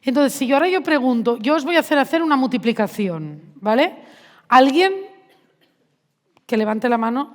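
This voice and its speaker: A woman's voice: on the high side, a little mellow. A woman giving a conversational conference talk to teachers, often asking the audience questions. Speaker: math education speaker. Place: large hall with audience. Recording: reverberant hall.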